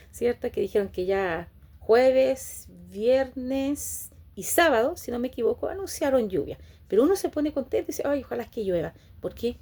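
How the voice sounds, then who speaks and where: A woman's voice: fairly high pitch, dark tone, husky. A woman preaching a sermon to her congregation. She asks them rhetorical questions and ends nearly every phrase with a questioning "right?".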